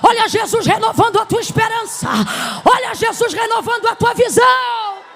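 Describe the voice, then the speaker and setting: A woman from Brazil preaches to a church congregation in a very high, gravelly voice. She tells her story with drama and rises into shouted, fervent exhortation. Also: normal speed. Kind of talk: emotional sermon.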